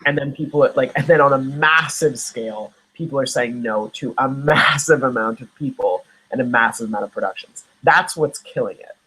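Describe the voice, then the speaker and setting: Young man from Nova Scotia, husky, loose rambling interview talk. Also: mid-range voice, moderate pace, few pauses, pushed and bright, rough recording. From Nova Scotia, Canada. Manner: rambling, many fillers and restarts. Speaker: actor guest. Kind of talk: casual interview chat.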